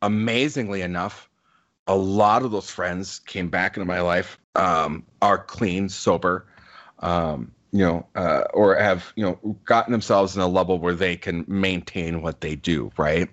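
A podcast co-host in his forties talks casually in an earnest, reflective way, using plenty of fillers. His deep voice is a bit bright and moves at a measured pace, with lo-fi sound.

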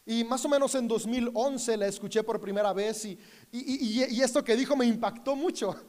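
A man's voice: very high voice, moderate pace, a little mellow, big-room sound. A man who is a father of school-age daughters, preaching an earnest sermon to a camera and telling a story about his own family. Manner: earnest, storytelling with quoted dialogue. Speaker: pastor.

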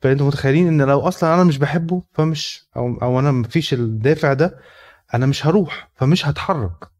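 A man's voice: a little high, rapid-fire, darkish tone. A man with an Egyptian Arabic accent talking spontaneously about faith and family, with many fillers and restarts. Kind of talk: casual spontaneous talk.

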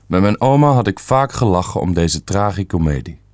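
A man narrating a family story in a calm, measured reading. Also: low-pitched, no echo, clean studio sound.

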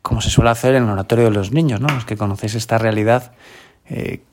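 A man's voice: fairly low pitch, steady tone, fast talker, a little mellow, a little hiss or hum. A Spanish-accented man, a school chaplain, giving a conversational homily and often ending phrases with a questioning tag. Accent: Peninsular Spanish. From Spain.

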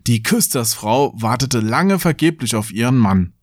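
A man reads a fairy tale aloud on a podcast, now and then breaking off playfully to correct himself. His voice sits at an ordinary male pitch, recorded dry and close. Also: expressive, normal speed, a little mellow, no echo. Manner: playful, self-interrupting. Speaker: podcast host. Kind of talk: fairy-tale reading with asides.

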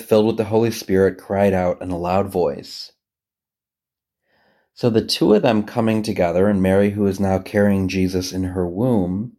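Long pauses separate the phrases of this man's gentle, unhurried speech as he reads and reflects on scripture. Leading a guided meditation like a priest, he has a lowish, relaxed, soft-edged voice.

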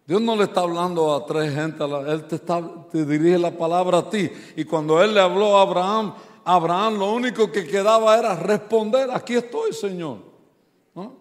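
Spanish-speaking pastor preaching in a reverberant hall. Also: male voice, a little high. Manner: animated storytelling, acts out quoted voices, rises to loud preaching. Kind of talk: sermon with humorous stories. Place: church sanctuary.

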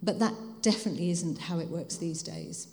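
A woman's voice: on the low side, a little fast, mellow. A mature woman with a Home Counties English accent, speaking reflectively and conversationally as an interview guest, explaining things to an audience. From Hertfordshire, England. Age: 50s or older. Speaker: guest speaker, spiritual director. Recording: reverberant hall.

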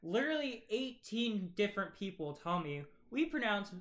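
A man's voice: high voice, sing-song, normal speed, a bit bright. A young man hosting a casual podcast, joking around and swearing often. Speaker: podcast host. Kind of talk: casual chat.

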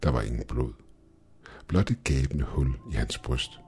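A man reading a first-person horror story in an even, measured storytelling voice. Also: rumbling low, husky, soft background music. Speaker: narrator. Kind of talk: scripted horror narration.

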